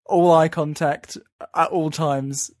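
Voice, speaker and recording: A young man co-hosting a casual comedic chat, wry and deadpan, often stumbling and restarting. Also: a little high, slow pace, slight background noise. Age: young adult. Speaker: podcast co-host.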